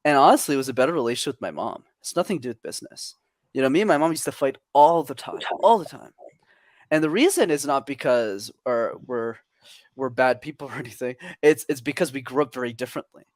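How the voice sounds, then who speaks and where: Lively extroverted young man from Canada. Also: medium pitch, quick pace, no echo, clean studio sound. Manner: energetic, extroverted storyteller. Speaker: podcast guest. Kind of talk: casual interview chat.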